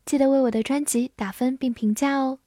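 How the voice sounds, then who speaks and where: A woman teaching English vocabulary in a scripted lesson, spelling words out slowly and repeating them with care. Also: high-pitched, fairly even intonation, dark tone, no room sound, clean studio sound. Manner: slow, deliberate spelling and repetition of words.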